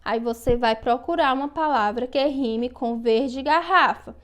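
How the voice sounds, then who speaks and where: A woman's voice: high-pitched, a little slow. A woman teacher patiently explaining worksheet exercises to young children, often checking in as she goes. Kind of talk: online lesson walking through worksheet exercises.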